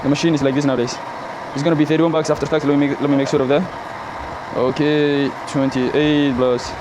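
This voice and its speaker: A man with a high voice talks in a casual, slangy vlog style, as if to his buddies. He is recorded outdoors, with clear car and street noise behind him. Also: little pitch movement, brisk. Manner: slangy, addresses viewers and customers as bro and man. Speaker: car wash worker and vlogger.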